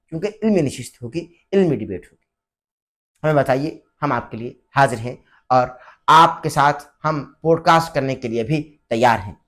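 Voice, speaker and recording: Male vlogger, higher voice, rhetorical and preachy delivery. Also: fairly bright tone. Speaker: online religious commentator and vlogger. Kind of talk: direct-to-camera challenge vlog.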